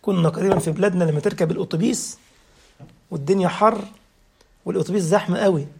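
Man, Egyptian accent, preacher, humorous religious talk, high husky voice. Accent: Egyptian Arabic. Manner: jokey, laughing through his anecdotes.

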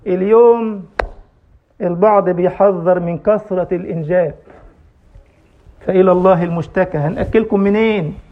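A man's voice: high-pitched, lo-fi sound. A man preaching a sermon and telling stories, impassioned, with his voice rising into cries at the refrains. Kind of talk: sermon storytelling.

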